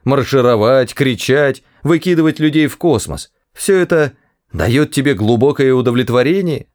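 A man voicing a quick-witted male alien hitchhiker for an audiobook, talking in a raised, quick, coaxing voice. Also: medium pitch, expressive, a little mellow, voice pushed up, close to an everyday voice. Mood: scheming.

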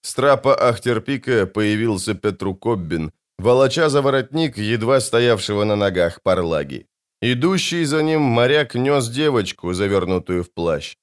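A man narrating an adventure audiobook in an expressive, dramatic way. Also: fairly low pitch, moderate pace, smooth. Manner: expressive, lively storytelling.

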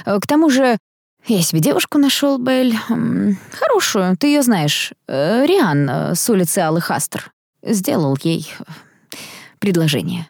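A woman's voice: fairly low pitch, animated, moderate pace, no echo, studio quality. Shy good-natured young brother, read by a woman. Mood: bashful. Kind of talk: audiobook character voice.

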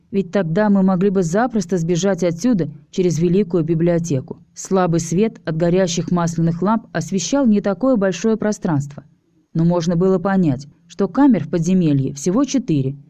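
A woman reads a story aloud in a steady, even voice, narrating as a man in the first person. Her tone is lowish and mellow. The recording is close and dry, with no room sound. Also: no room sound. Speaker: audiobook reader. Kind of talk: scripted narration.

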